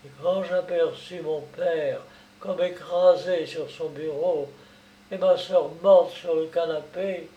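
A man reading a novel aloud in a slow, measured storytelling voice. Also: on the high side, steady tone, warm tone, muffled recording. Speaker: audiobook narrator. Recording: roomy, distant mic.

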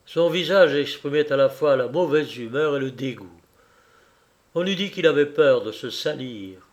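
A man narrating a classic novel in a measured, even reading. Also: fairly high pitch. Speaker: audiobook narrator.

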